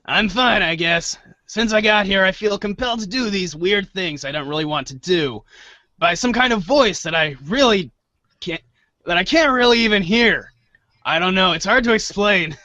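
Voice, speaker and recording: A man voicing a cartoon clown as a confused boy hero in a halting comic reading. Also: high voice, animated, bright, forceful tone, no echo, dull audio. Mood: weary, baffled. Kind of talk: comic fan reading of a webcomic.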